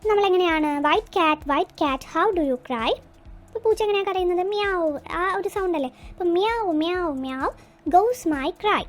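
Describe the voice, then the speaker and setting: A woman's voice: very high voice, animated, unhurried. A woman teacher explaining a textbook lesson, asking and answering her own questions and translating English lines as she goes.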